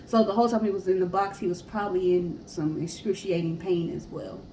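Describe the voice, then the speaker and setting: A woman podcast host, her voice low-ish, fairly quick and mellow, chats casually about a history story. She explains things and speaks directly to listeners from an echoey room, with clear background hiss.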